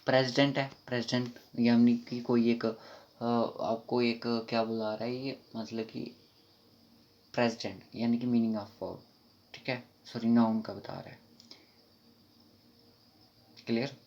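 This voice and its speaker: A man with a Kashmiri accent runs an online grammar class in a mid-pitched voice, explaining fast and informally. He slows right down whenever he reads an English sentence aloud. The recording is dull and lo-fi. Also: level tone, darkish tone. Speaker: exam prep teacher.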